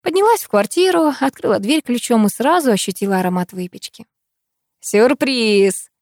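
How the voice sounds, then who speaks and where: A woman reading a first-person audiobook in an expressive, lively way. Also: fairly high pitch, quick pace, no room sound, studio quality. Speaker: audiobook reader.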